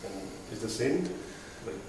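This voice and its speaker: A man's voice: fairly low pitch, expressive, measured pace. A young man from Guinea, a student giving loose, rambling interview answers. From Papua New Guinea. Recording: echoey, distant mic, background noise.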